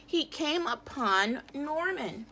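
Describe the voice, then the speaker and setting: A woman's voice: sits high, lively intonation, sharp tone, slight background noise. A woman teacher, reading a picture book aloud to children and stopping to quiz them. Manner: reads slowly, stops to quiz children. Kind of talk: read-aloud lesson for children. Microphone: phone camera.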